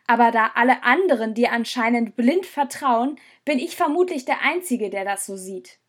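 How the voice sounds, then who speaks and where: Brief: resentful young man, quietly bitter; female narrator voices him, slightly high. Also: lively intonation, moderate pace. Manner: resentful, reproachful. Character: hurt, bitter young man leaving his friends. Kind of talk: audiobook character voice.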